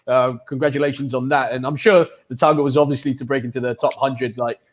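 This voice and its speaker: A man's voice: mid-range voice, steady tone, fast. A man from the UK, hosting a casual online football chat show in a chatty, upbeat way with many fillers. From United Kingdom. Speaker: host and football pundit.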